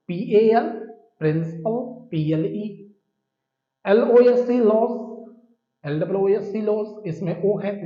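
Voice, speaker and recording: A man's voice: high voice, dark tone. A man teaching a vocabulary lesson, explaining terms patiently, repeating words and spelling them out letter by letter. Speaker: English teacher. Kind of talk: classroom-style explanation of vocabulary. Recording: echoey, dull lo-fi room.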